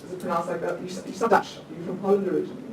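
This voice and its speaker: Her voice sits on the low side, darkish and flat, and she talks very fast. She's a law lecturer in her thirties putting a long question to the panel from the floor, chatty, restarting a lot and laughing lightly at herself. The conference hall echoes, with a distant mic and faint noise.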